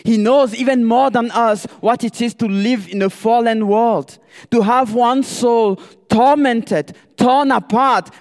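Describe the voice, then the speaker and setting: A man preaching a sermon as a ministerial candidate, speaking deliberately and posing rhetorical questions to the congregation. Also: sits high, long reverb tail.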